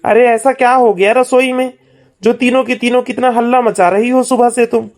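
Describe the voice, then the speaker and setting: A woman voicing a stern elderly father-in-law in a cartoon family drama, calm and commanding. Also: on the high side, moderate pace, pitched below the performer's own voice, lightly acted.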